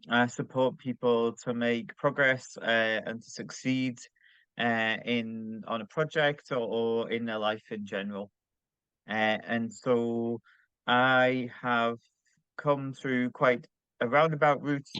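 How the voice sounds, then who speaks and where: A man speaks very slowly and hesitantly, with many ums and uhs, as he introduces himself on a video call. His voice is smooth and clear. The sound is dry and dull, like muffled video-call audio. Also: mid-range voice, level tone, fairly bright tone, dry recording. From United Kingdom. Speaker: artist and coach.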